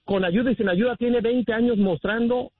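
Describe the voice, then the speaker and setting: A Mexican man phones in to a radio show and lectures the hosts with firm opinions. His voice is high and husky, and it comes through a dry, tinny phone line. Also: moderate pace. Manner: opinionated, preachy, addresses "muchachos". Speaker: caller. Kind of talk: phone-in rant.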